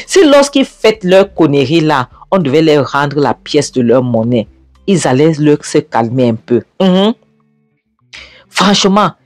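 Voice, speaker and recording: A woman's voice: low voice, darkish tone, dry recording. Indignant woman recapping a film. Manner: emphatic, repetitive and indignant commentary. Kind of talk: retelling and reacting to a film.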